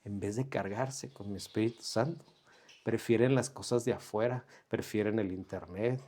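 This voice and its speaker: A man's voice: on the low side, dark tone. Earnest man telling a testimony. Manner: earnest, unhurried, with pauses and reenacted dialogue. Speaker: guest sharing a personal testimony. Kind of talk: conversational storytelling.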